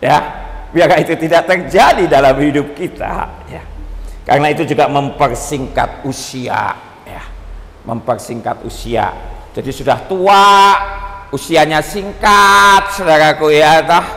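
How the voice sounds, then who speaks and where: A man pastor preaching a sermon, animated and joking, often calling out to his listeners. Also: on the high side, measured pace. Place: church seminar hall. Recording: long hall reverb.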